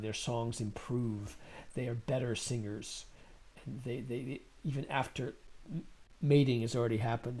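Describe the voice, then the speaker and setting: A man of medium pitch, speaking as an interview guest. He thinks aloud, circles back and repeats words as he looks for ideas. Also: a little mellow. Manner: thoughtful, rambling, repeats words while thinking. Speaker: musician and guest. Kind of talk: conversational interview.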